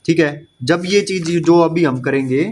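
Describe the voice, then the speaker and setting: Fairly high in pitch and a bit mellow, a man teaches maths for exam prep online at a normal speed. He blends English terms into Hindi with an Indian accent, going step by step and often making sure his students follow.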